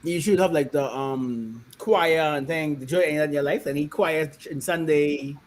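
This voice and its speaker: A man's voice: a little high, normal speed. A man hosting an interview, asking long, rambling questions full of restarts. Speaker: podcast host.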